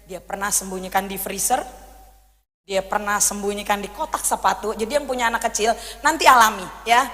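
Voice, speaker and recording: A woman in her thirties preaching a sermon, telling a personal story in a lively way and acting out her own pleas. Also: mid-range voice, fairly quick. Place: church hall. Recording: long church hall reverb.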